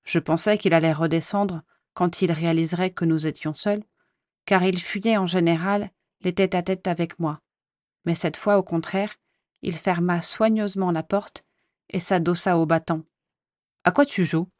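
A woman's voice: on the low side, steady tone, normal speed, a little mellow, dry recording, studio quality. A woman steadily reading a first-person story aloud. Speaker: reader.

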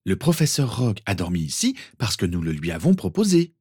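A man voicing a bossy, caring middle-aged mother who talks in a brisk, indignant way. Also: on the low side, big pitch swings, a little mellow, slightly rough, no echo, studio quality. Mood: scolding.

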